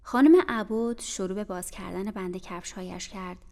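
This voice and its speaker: A woman narrating an audiobook in a measured, literary reading style. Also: mid-range voice, steady tone, gravelly. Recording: reverberant room with faint music.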